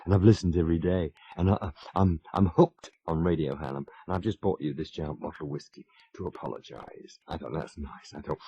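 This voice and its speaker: A fifty-something radio presenter shares wry stories that make fun of himself, chuckling as he talks. His voice is deep and husky. It comes across as a muffled old radio broadcast.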